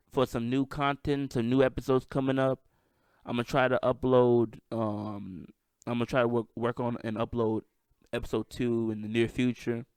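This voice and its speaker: A man's voice: mid-range voice, smooth, dry recording. A man with a slight lisp and a stutter, hosting a casual solo podcast, hyped and self-deprecating. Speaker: podcast host. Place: at home with microphone.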